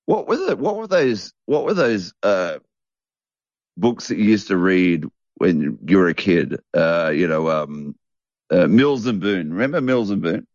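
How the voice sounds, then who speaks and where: Man with a very low voice, jokey rambler, a slightly dull dry studio recording. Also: big pitch swings, unhurried, a little mellow, no room sound. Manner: jokey, rambling, repeats himself. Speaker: podcast co-host. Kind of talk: casual chat. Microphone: studio mic.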